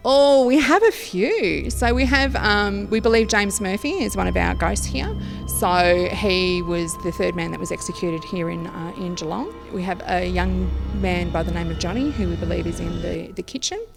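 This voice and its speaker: A woman's voice: lowish voice, moderate pace, creaky. An Australian woman working as a tour guide, giving informative interview answers about local history. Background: music.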